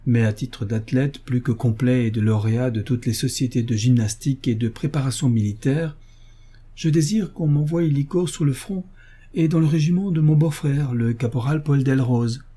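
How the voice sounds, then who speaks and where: A man reading an audiobook, voicing an excited, talkative young man of seventeen. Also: medium pitch, moderate pace, breathy edge, natural voice. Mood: enthusiastic.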